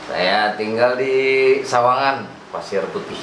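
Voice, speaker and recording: A man's voice: on the low side, unhurried. A man with a Jakarta-area Indonesian accent chats casually as an interview guest, giving short answers that he often repeats. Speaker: guest, firefighter and fire truck operator. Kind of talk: casual chat. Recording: echoey room with clear background noise.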